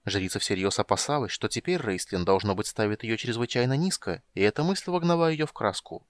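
A man reading a fantasy audiobook in a measured storytelling manner. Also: fairly low pitch, expressive, dry recording. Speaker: audiobook reader. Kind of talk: scripted audiobook narration.

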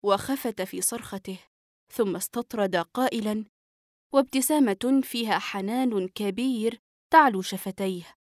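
A woman narrating a novel for an audiobook in a steady, even storytelling manner. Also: medium pitch, moderate pace, dry recording, studio quality.

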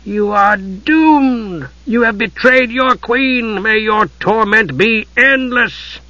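A cruel high priestess , as a male narrator puts her on, snarls her curses in a piercing, high voice, stretching each word slowly. The recording is dull and dry. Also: pushed and bright, no echo, full character voice. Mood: cursing. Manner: hissing, cursing.

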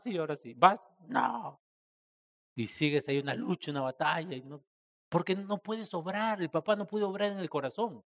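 A man preaching a church sermon, asking rhetorical questions and addressing the congregation as brothers, swinging between loud stressed phrases and soft trailing endings. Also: fairly high pitch.

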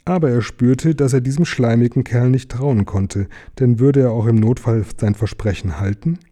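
A man calmly reading a children's fantasy book aloud as narrator. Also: mid-range voice, normal speed. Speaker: audiobook reader. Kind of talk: storybook narration.

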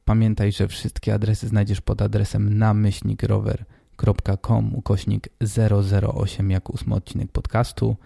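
Male podcast host, twenties; hoarse with a blocked, stuffy nose, very dark and mellow tone, informal solo monologue. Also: fairly low pitch, completely flat delivery, normal speed, no room sound, studio quality. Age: 20s. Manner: informal, addressing the listener directly.

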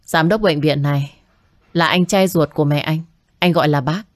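A woman's voice: sits low, normal speed, no room sound, close to an everyday voice. A woman voicing a protective young man who answers in short, firm replies and flares up in frustration, recorded dry. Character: young man, well-off, protective, quick to anger.

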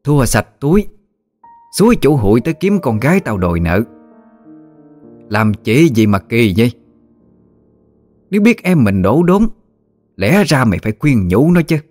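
Voiced by a male storyteller, a fierce old grandmother unleashes a harsh, accusing, scolding tirade in a sing-song manner, her pitch swinging widely. She speaks at a measured pace with long pauses, while soft music plays beneath the storybook reading.

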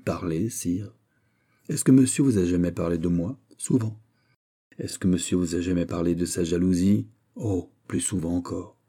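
A man reading aloud and voicing a coquettish princess who speaks softly and teasingly. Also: deep voice, normal speed. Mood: demure. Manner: soft, sly and calm.

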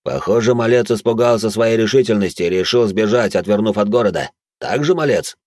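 A man's voice: fairly low pitch, brisk, a little mellow, no echo, studio quality, natural voice. A man voicing a sneering old warrior. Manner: gruff, sneering, barks commands. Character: mocking battle-hardened old man.

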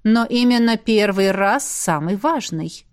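A woman voicing a stern, dry-witted female demoness who heads a magic academy, speaking slowly and reproachfully. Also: medium pitch, smooth, natural voice.

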